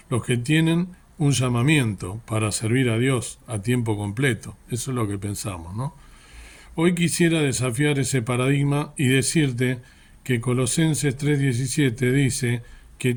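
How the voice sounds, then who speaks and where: Man, preacher, earnest sermon, rhetorical questions, mid-pitched voice. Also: a little mellow. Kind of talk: sermon reflection.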